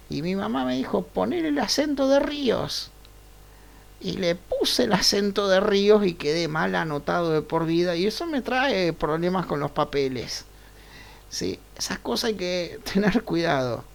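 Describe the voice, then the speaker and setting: Leading a live online programming lesson over screen share, this male teacher thinks aloud through each step and keeps checking in with his class, often tagging on "right?" His voice is high with a gravelly, creaky texture, and his pace is slow, deliberate and unhurried.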